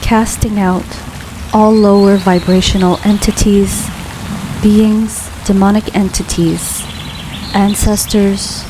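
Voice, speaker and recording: A woman leading a guided grounding meditation in a calm, soothing, unhurried way, leaving long pauses between phrases. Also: mid-range voice. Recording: steady rain noise behind voice. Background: rain falling.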